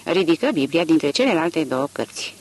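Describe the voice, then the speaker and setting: A man narrates a literary novel as an audiobook. His voice sits somewhat high and moves with lively swings of pitch. The reading is expressive and varied.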